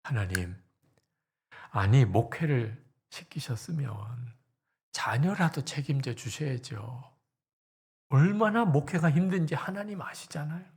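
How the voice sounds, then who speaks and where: A preacher acting out an anguished pastor in prayer. The voice is husky and breathy and slips into whispers, and it pleads at an ordinary middle pitch. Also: male voice, animated, moderate pace, long pauses, a little mellow. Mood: complaining.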